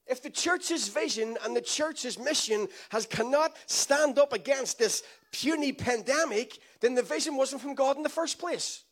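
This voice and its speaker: Male pastor, very high voice, emphatic call-and-response preaching. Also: measured pace, hardly any pauses. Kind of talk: sermon.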